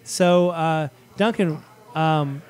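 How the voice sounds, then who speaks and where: A man's voice: on the high side, extremely slow, a little mellow. A man hosting a casual beer show from a studio, chatting loosely with lots of fillers. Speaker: show host.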